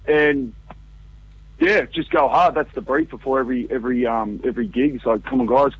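A man, a musician giving a casual, halting interview over a muffled phone call. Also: medium pitch, lively intonation, husky, dry recording. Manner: informal, halting. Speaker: punk band musician being interviewed. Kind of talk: casual chat. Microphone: phone call to radio show. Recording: dull, band-limited phone call.

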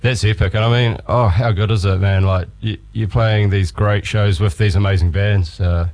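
A low-voiced man with a New Zealand accent hosts a radio chat. His intonation stays quite flat, and he talks casually in slangy, halting, laid-back phrases. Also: no echo. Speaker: radio show host.

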